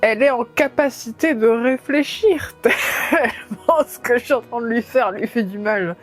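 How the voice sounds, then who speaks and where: A woman's voice: a little high, moderate pace, soft background music. A woman talking casually to camera as a vlogger, with a wry, playfully dramatic way of speaking. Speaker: vlogger doing a food challenge.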